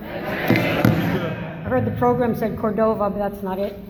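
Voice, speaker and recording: At a recovery meeting in an echoey hall with faint noise, an older Massachusetts woman with a local accent gives a personal testimony. Her medium-pitched voice is fairly even and measured, and she speaks candidly and ramblingly, with self-deprecating humor.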